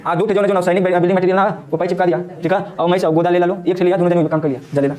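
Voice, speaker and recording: High-voiced man teaching a noisy class. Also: steady tone, racing, a crowd in the background. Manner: quizzing pupils with call-and-response questions; bossy, repeatedly hushing a noisy class. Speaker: coaching teacher. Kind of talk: classroom lecture. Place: classroom full of pupils. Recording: echoey classroom with chattering kids.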